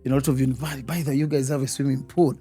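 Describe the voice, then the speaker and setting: The host of a student podcast, a man with a Rwandan accent, races through a casual interview chat, peppering it with "uh" and enthusiastic "wow" responses. His voice is warm, mid-range, and level in tone, and soft music plays in the background.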